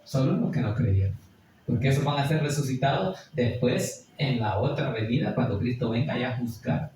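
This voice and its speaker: A man preaching a Bible study sermon, slowing and rising high as he reads scripture aloud. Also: lively intonation, a little mellow, slight background noise. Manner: rises sharply when reading scripture aloud, slow emphatic phrasing. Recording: echoey room, far from the mic.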